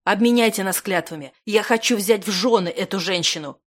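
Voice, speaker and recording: A woman reading the loud, impassioned lines of a desperate young man who turns into a dragon. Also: mid-range voice, a little slow, lightly acted. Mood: furious. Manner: shouting, impassioned. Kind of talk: audiobook character reading.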